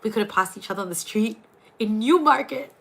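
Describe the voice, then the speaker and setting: A young New Zealand woman, partly raised in Singapore, hosts a late-night tarot and astrology livestream, chatting casually and animatedly with viewers and reading out their names. Her mid-range voice is brisk with vocal fry, and the audio quality is poor.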